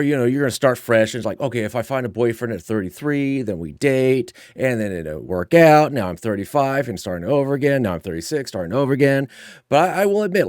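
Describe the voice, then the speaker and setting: A man's voice: mid-range voice, darkish tone, no echo, studio quality. A man giving blunt, dismissive reaction commentary on clips.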